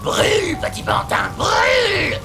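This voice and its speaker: A man voicing a mad old bearded vagabond, a villain who cackles and shouts. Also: medium pitch, huge pitch swings, unhurried, over music, voice pushed up. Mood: furious. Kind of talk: audio drama acting.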